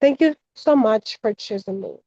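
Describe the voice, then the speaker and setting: A woman's voice: a little high, animated, moderate pace, dark tone, no echo, lo-fi sound. A young Haitian woman, raised in the Dominican Republic, earnestly giving her answer in a live debate over a video call. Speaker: student participant.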